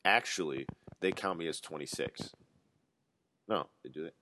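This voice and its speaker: A man's voice: low voice, moderate pace, sharp tone, slight background noise. A man in his twenties rambling through a solo casual monologue, ranting and swearing freely as he talks. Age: 20s.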